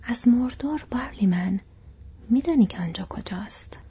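A woman's voice: a little high, lively intonation, warm tone, muffled recording, voice pushed up, exaggerated voice. A woman whispering as a grave male ranger. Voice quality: breathy whisper. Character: rugged wandering male ranger, grave and knowing. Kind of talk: whispered role-play.

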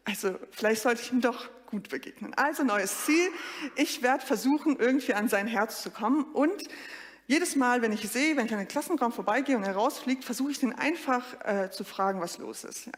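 A woman delivers a sermon in a lively, storytelling style, frequently addressing her congregation directly. Her fairly high voice moves briskly and rings through a church hall with long reverb.

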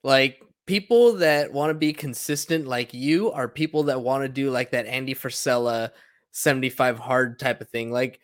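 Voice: mid-range voice, moderate pace. A podcast co-host in casual banter, playful and supportive, often jumping in with short interjections.

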